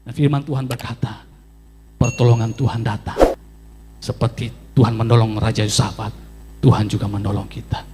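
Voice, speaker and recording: A man's voice: fairly low pitch, flat delivery, moderate pace, pauses often, long reverb tail, very noisy. A man pastor preaching a sermon emphatically, with sweeping rises and drops and repeated phrases for emphasis.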